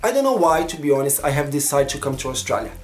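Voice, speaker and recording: A young man from Brazil with a Brazilian Portuguese accent, speaking English as a second language in an expressive personal vlog, sometimes searching for words. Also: fairly high pitch, fast talker, roomy sound. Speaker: vlogger.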